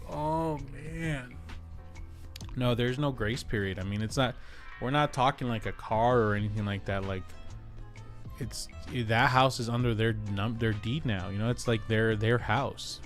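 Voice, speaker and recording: A man's voice: mid-range voice, a little slow, soft background music. A man hosting a casual real estate livestream, joking and chatty as he reads viewer comments aloud.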